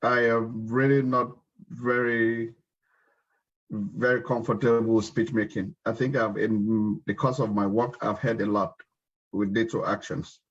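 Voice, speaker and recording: A man's voice: fairly low pitch, level tone, unhurried, husky. Middle-aged man on a glitchy, crackly call. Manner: hesitant, restarts phrases, apologetic about the tech. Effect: glitchy, crackly call audio that breaks up. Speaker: nonprofit director, panel speaker. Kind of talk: unscripted remarks on an online roundtable. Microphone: video call. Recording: dull, lo-fi, breaking-up online call.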